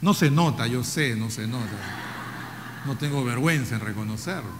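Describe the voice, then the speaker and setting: A pastor from Peru, in his fifties and speaking with a Peruvian Spanish accent, delivers a sermon at normal speed in an echoey church hall with a noisy background. He poses rhetorical questions, repeats key phrases and jokes with the congregation. Now and then he sinks into soft, low tones for emphasis.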